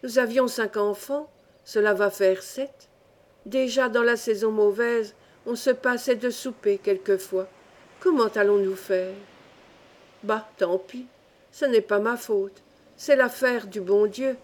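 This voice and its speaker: A woman voicing a weary, good-hearted poor fisherman who talks in gruff, plain-spoken resignation. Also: on the high side, slow. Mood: resigned.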